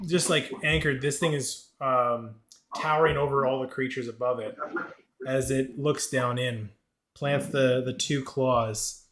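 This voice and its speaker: A man narrating a tabletop game as game master, halting and searching for words. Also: medium pitch, fairly even intonation, a bit bright, a little hiss or hum.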